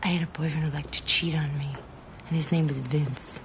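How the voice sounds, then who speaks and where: A woman's voice: low voice, steady tone, fairly quick, noisy background. An actress playing a drunk, bitter woman who is a former meth addict, slurring and mocking. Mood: drunk taunting. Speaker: character in a TV drama. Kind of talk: TV drama acting.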